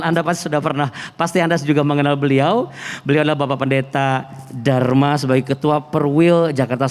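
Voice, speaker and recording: Man hosting through a face mask, reverberant hall. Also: on the high side. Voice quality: slightly muffled by a face mask. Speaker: talk show host. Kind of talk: conversational hosting of a theology talk.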